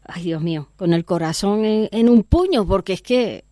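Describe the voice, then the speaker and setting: Lady hosting radio, chatty, mellow voice, dry studio. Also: mid-range voice, normal speed, no echo. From Venezuela. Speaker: radio host. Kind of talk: radio chat with a caller.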